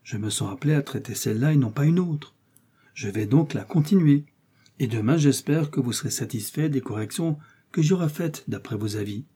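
Man playing a courteous young musketeer, lightly raised voice, mellow, husky. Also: mid-range voice, animated, a little fast, voice pushed up. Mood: polite. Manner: polite, smooth and modest-sounding. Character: young, vain, devout male musketeer turned cleric.

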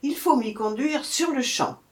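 A woman's voice: sits high, a little slow, pitched above the performer's own voice. A woman voicing a furious, menacing lioness who barks orders and threats in a storybook reading. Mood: commanding. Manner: commanding, threatening, loud.

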